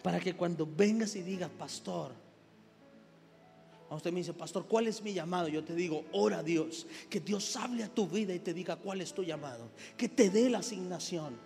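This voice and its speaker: High voiced male pastor preaching, echoey church, soft music behind. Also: moderate pace, gravelly. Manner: preaching with rising intensity and repeated "amén". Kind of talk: sermon.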